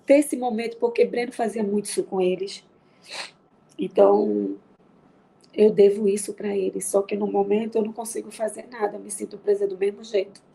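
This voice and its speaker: A woman from Recife with a Recife accent, a grieving mother talking quietly and with heartfelt faith as an interview guest. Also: medium pitch, steady tone, brisk, creaky, slightly rough. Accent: Brazilian Portuguese, Recife. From Recife, Brazil. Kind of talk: emotional interview.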